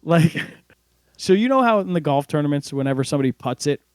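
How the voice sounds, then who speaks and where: A man co-hosting a casual sports podcast, telling stories in a lively way and laughing as he goes, close to the mic. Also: a little high, fairly quick. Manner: animated storyteller, laughs while telling. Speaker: podcast co-host.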